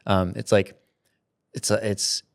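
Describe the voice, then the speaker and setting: Taking his time, a man in his 30s speaks in a lowish, creaky voice with little pitch movement. He's a content creator on an interview as a guest, talking casually, drifting and restarting sentences with frequent laughs, via studio mic and headphones.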